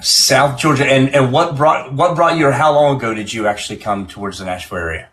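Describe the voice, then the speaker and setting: Man, medium pitch, informal live-stream host, conversational and somewhat halting, doubles back on phrases. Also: a bit bright. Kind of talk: casual hosting chat.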